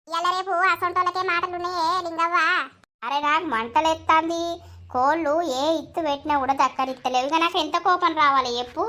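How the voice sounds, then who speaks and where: A woman voices a sharp-tongued village mother in an animated cartoon, speaking with a Telangana accent. Her voice sits high and bright. She scolds in quick, biting retorts. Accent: Telangana Telugu.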